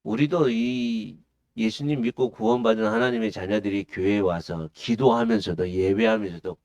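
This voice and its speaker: A male pastor with a lowish, slightly mellow voice preaches a sermon, posing questions to the congregation and answering them himself. At points he acts out the disciples' pleading in a raised voice.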